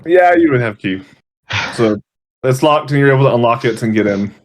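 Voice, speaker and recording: Halting man running a tabletop game. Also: medium pitch, expressive. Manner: halting, self-correcting narration. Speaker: game master.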